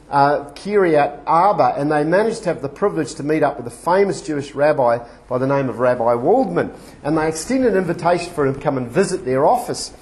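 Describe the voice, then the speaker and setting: A man preaching in a lecture-like way, halting and discursive, often correcting himself as he goes. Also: a little high, a little mellow. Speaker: preacher giving a teaching. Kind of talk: sermon-like lecture with quotations read out. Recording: clearly noisy recording with clicks.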